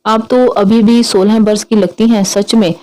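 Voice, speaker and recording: A woman's voice: mid-range voice, steady tone, unhurried, a little mellow, natural voice, low-quality recording. A woman voicing a blunt, suspicious young woman in a read-aloud story.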